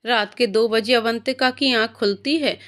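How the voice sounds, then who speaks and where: A woman narrating a moral story in a steady, clear reading. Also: on the high side, measured pace.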